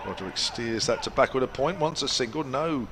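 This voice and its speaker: A man's voice: medium pitch, expressive, a little fast. A man working as a cricket commentator, giving live play and match updates in short, chatty phrases. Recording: clear outdoor ambient noise behind voice.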